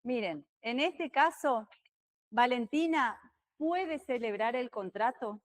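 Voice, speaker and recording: A woman with an Argentine accent teaches a law class in a classroom. Her voice sits a little high, and she tends to get loud as she explains. She keeps questioning her students as she goes. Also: slow pace. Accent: Argentine Spanish. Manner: lively, talks loud, asks students questions. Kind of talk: classroom lecture.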